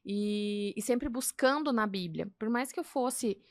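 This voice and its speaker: Brief: Brazilian woman podcast guest, gravel in the voice, dry close mic, lively storyteller. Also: on the high side, measured pace, dry recording. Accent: Brazilian Portuguese. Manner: animated, acts out quoted dialogue. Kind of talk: casual testimony chat.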